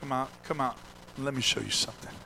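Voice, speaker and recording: A man voicing God as a calm, tender male voice, speaking slowly and softly within a sermon. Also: medium pitch, gravelly, noisy background, voice pushed down, natural voice. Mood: gentle.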